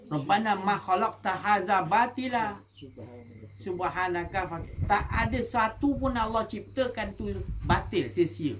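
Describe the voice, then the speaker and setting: A man's voice: high-pitched, a bit bright, a little hiss or hum. A man with a Malaysian Malay accent giving an informal religious talk to a gathering, colloquial and asking the listeners questions. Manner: colloquial, asks the audience questions. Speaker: religious teacher.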